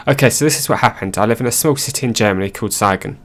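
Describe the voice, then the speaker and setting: A man narrating online stories aloud in a plain, steady reading voice. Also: medium pitch, racing.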